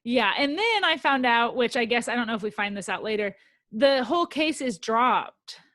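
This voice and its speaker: A woman's voice: a little high, normal speed, dry recording. Chatty young woman podcast host. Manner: chatty, excitable, says "like" and "um" often. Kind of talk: casual chat about reality TV.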